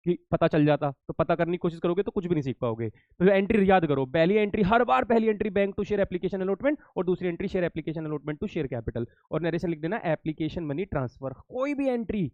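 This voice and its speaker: A man's voice: high-pitched, expressive, a little fast, hardly any pauses, a little mellow, no echo, lo-fi sound. A male accountancy teacher giving an exam-prep lesson to students, repeating key points, checking that they follow and calling them kids.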